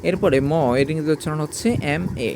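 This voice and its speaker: Brief: male teacher, slightly high voice, methodical letter-by-letter delivery, clear traffic noise behind. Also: steady tone, a little fast. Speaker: English teacher. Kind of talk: reading out a pronunciation lesson.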